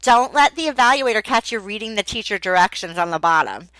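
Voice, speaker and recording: Bright-voiced woman giving teaching tips. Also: mid-range voice, animated, no echo, rough recording. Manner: emphatic, repeats key words, acts out slow teacher speech. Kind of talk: casual advice video.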